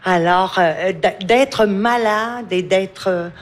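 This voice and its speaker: A woman's voice: mid-range voice, slow. Heartfelt Quebec woman in conversation. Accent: Quebec French. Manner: heartfelt, emphatic. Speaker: talk show guest. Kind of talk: casual interview talk.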